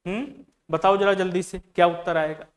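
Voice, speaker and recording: High-voiced male reasoning teacher. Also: steady tone, brisk. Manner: questioning, repeats key words to students; mixes English terms into speech. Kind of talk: exam-prep lesson.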